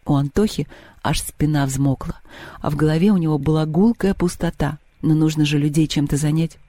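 Mellow-voiced man narrating a story. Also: fairly high pitch, a little fast, dry recording. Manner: expressive reading, acting out voices. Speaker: audiobook narrator. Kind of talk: scripted narration.

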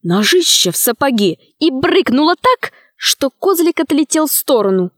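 Woman audiobook narrator, high voice, lively reading, dry close sound. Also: moderate pace, no echo.

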